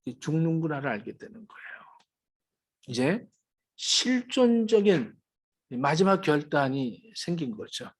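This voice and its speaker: A man's voice: fairly high pitch, sing-song, unhurried, pauses often. A man preaching a sermon as pastor, dramatic, acting out the quoted words of the dying. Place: church sanctuary.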